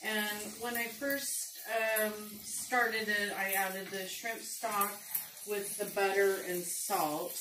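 A middle-aged woman hosting a casual home cooking demonstration, chatty and unhurried with lots of ums. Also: medium pitch, steady tone, noisy background. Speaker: cooking show host. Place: home kitchen, indoors. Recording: roomy kitchen with sizzling pan. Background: frying and sizzling food.

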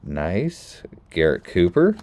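Man, casual pack-opening vlogger, lowish voice, dry close sound, chatty and easily excited. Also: takes it slowly, no room sound. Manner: excitable, talks to viewers, bursts into loud exclamations. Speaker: card collector opening packs.

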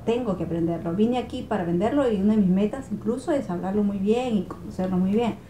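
Speaking fast in a warm, mid-range voice, a young Peruvian woman from Ica talks casually as a guest, earnest and occasionally groping for words, with a Peruvian Spanish accent. The setting is a small pink bedroom, recorded by a far camera, so the sound is roomy with a little background noise.

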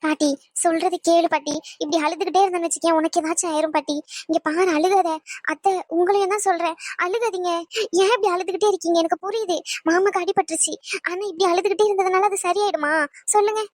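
A woman's voice: very high voice, fairly even intonation, fast talker, darkish tone, dry recording, studio quality. A woman voicing a firm young woman who comforts and scolds her family in a cartoon dub. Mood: coaxing. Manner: scolding, reassuring.

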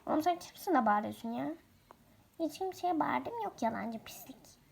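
A cheeky, defiant boy from a toy role-play story who mocks and talks back, with a high voice that keeps a gravelly edge, as a woman puts him on. He drops into rude asides now and then. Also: expressive, a little fast, darkish tone, slight background noise. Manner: rude, mocking.

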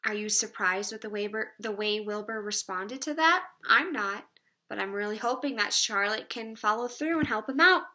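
A woman teacher reading a chapter book aloud to fourth graders with cheerful, expressive delivery. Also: medium pitch, moderate pace. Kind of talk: read-aloud for students.

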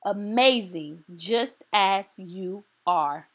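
With a mid-range voice, a storytime host reads aloud from a children's picture book. She sounds encouraging and takes an expressive, deliberate approach.

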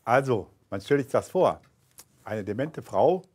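A man's voice: mid-range voice, lively intonation, measured pace, darkish tone, breathy edge. A man moderating a live book reading, chatty and joking, with hesitant fillers as he asks the author a question.

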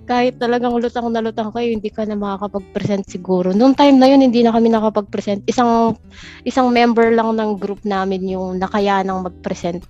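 A woman's voice: on the high side, fairly even intonation, fairly quick, warm tone, faint music behind. Chatty young Filipino woman, lo-fi audio. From Philippines. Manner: chatty storyteller, laughs often mid-sentence. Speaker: guest architect. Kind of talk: casual podcast chat. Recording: slightly dull lo-fi audio.

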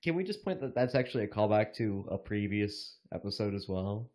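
A man chatting casually on a group podcast, often chiming in with quick corrections. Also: fairly low pitch, animated, darkish tone. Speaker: podcast panelist.

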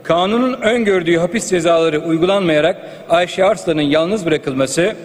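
A man's voice: a little high, moderate pace. Man, rostrum microphone, formal speech, earnest, long hall reverb. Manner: earnest, grave, listing figures and names. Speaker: member of parliament. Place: large parliamentary chamber. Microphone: speaking at a rostrum microphone.

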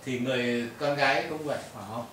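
A man's voice: medium pitch, steady tone, fast, a bit bright, slight background noise. A man in casual chat, eagerly asking questions and agreeing. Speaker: guest. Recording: very echoey room, mic far off, crowd behind.

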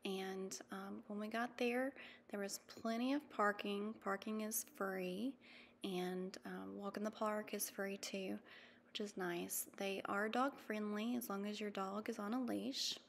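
A woman in her thirties narrating a travel vlog in a chatty, easygoing way, with frequent ums and quick laughs. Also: mid-range voice, fairly even intonation, vocal fry, big-room sound, a little hiss or hum. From mountain region. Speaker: vlogger. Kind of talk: casual voice-over narration.

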